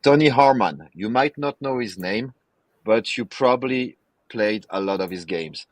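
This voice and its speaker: A man's voice: medium pitch, a little slow, no echo. A man hosting a podcast in casual chat, talking with rambling enthusiasm and many fillers. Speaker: podcast host.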